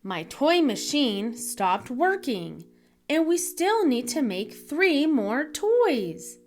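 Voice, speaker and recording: An earnest old Santa from a children's storybook, voiced by a woman reader, pitched fairly high. The delivery is slow and very lively, with music faintly behind. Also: full character voice. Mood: pleading, urgent. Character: earnest, jolly old man Santa in trouble. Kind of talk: children's storybook read-aloud.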